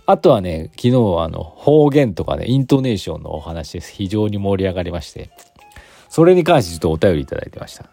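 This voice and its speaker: A man's voice: deep voice, sing-song, quick pace, gravelly, dark tone, dry recording, soft background music. A man in his forties from Aichi with an Aichi accent, chatting casually and rambling through many fillers as a podcast host. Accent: Aichi Japanese. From Aichi, Japan. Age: 40s. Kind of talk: casual solo chat.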